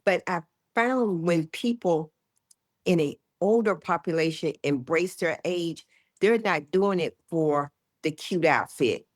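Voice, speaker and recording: A woman in her sixties, a health educator talking as a guest in an interview, emphatic and lively, often acting out what people say. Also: lowish voice, slow, no room sound, studio quality. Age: 60s. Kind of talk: casual interview chat.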